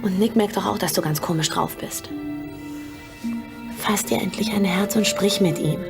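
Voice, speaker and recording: An actress playing a caring, insistent confidante in a TV drama, speaking earnestly and practically. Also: female voice, medium pitch, normal speed, lightly acted. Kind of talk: TV drama acting. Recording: clear music bed under dialogue.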